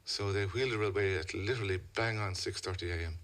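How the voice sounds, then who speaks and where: A middle-aged man with a west of Ireland accent tells a personal story as a radio interview guest. His voice sits fairly low. He phrases things deliberately, pausing and repeating words as he goes. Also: fairly bright tone. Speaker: interview guest, a father telling a family story.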